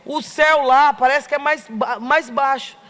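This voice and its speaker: A middle-aged Brazilian woman giving a lively testimony to a congregation, acting out the dialogue as she tells the story. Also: high-pitched, unhurried. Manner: animated storytelling, acts out dialogue. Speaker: church member giving testimony. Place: church hall. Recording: long reverb of a church hall.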